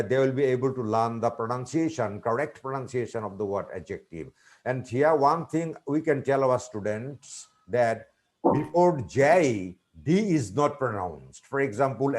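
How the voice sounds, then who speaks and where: A middle-aged man answering questions in a teaching webinar, speaking in a measured, teacherly way with many filler pauses and repeated points. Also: mid-range voice, darkish tone. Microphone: video call.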